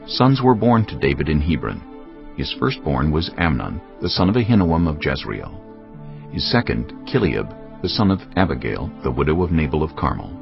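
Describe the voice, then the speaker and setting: Faint background music accompanies a slightly dull recording of a man narrating scripture as dramatized, scripted storytelling. His voice is very low and gravelly, and his pitch shifts expressively as the Bible story unfolds.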